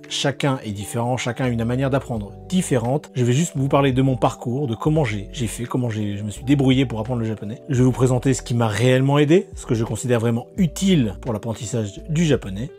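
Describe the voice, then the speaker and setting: A man's voice: medium pitch, mellow. A man in his thirties from Normandy, France, telling his own story in a chatty, candid vlog narration. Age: 30s. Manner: chatty, candid, with occasional restarts. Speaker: YouTuber.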